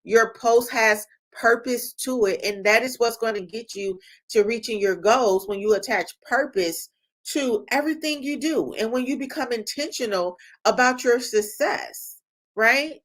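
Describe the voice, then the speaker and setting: A woman's voice: a little high, a little slow, a bit bright. A middle-aged woman who leads a publishing company, giving an emphatic motivational talk that repeats phrases and checks in with "right?".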